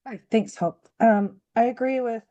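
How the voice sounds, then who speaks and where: A woman with a dark, relaxed tone speaks as a committee member in an online meeting. Her remarks are informal and somewhat tentative, with hedged phrasing. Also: fairly high pitch, unhurried, dull audio.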